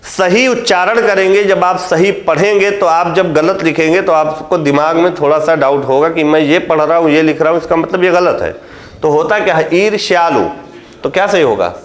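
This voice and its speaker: A man gives a Hindi grammar lesson for an exam course in a somewhat high voice. He works through each point step by step and keeps asking the class whether it is clear. The room around him echoes. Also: normal speed. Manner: explains step by step, often asks the class if it is clear. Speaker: exam coaching teacher.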